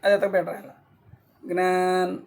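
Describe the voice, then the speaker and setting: A man teaching a class online, sounding out syllables slowly and often checking that students follow. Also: sits high, monotone, vocal fry, darkish tone, smooth. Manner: slow syllable-by-syllable explaining, frequent checks.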